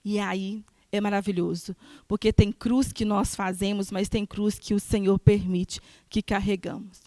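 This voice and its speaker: A woman giving a sermon testimony in church, earnest and emphatic, moving between soft and loud passages. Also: medium pitch, little pitch movement, a little slow, no echo. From Brazil.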